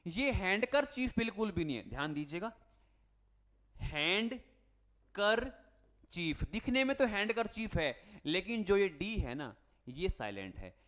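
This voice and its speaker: Guy teaching spelling, kinda high voice, spells out letters, asks the class stuff then answers it himself, calls them beta. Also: sing-song, moderate pace, a bit bright. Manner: calls students "beta" and "bhai" in a friendly coaching tone. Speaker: English teacher. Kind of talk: Hindi-language spelling lesson for exam students.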